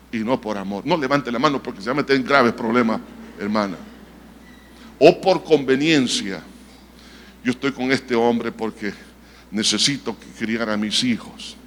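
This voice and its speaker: A man's voice: medium pitch, a bit bright, big-room sound, slight background noise. A man preaching a sermon as pastor, firing rhetorical questions at the congregation and acting out short quoted voices in his stories. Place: church sanctuary.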